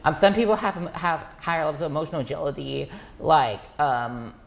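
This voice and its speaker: Fast-talking man, full of restarts. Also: fairly high pitch, expressive, gravelly. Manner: rapid, halting, many restarts and fillers. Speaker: guest. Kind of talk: casual conversation.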